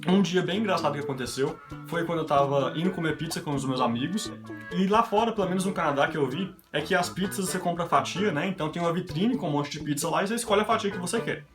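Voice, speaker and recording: With guitar music behind him, a young Brazilian man chats to his vlog audience through a run of everyday anecdotes. His pitch is fairly high and his pace quick, and he quotes others in his own voice.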